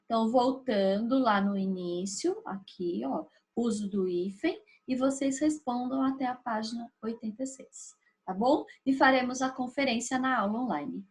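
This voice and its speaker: A woman's voice: fairly high pitch, moderate pace. A woman teacher with a Brazilian Portuguese accent, patiently explaining a grammar lesson step by step and checking in with her students. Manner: patient, explaining step by step with frequent tag questions.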